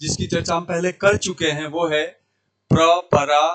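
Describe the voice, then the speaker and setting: Rajasthani hindi guy teaching online, talks slow, voice a bit high, hammers each syllable. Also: flat delivery, a bit bright. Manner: slow, emphatic drilling of syllables. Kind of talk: online language lesson.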